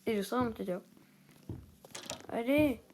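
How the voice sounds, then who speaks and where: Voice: mid-range voice, normal speed, a little mellow, slight background noise. A young person giving casual, rambling gameplay commentary in an exasperated, self-conscious way. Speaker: gaming video creator, player. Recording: music behind the voice.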